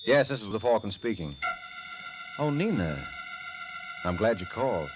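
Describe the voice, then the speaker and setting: An actor playing a suave, breezy private detective talking on the telephone in old radio drama. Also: male voice, fairly low pitch, big pitch swings, moderate pace, over loud music. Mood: breezy, flirtatious. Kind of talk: 1950s radio drama acting.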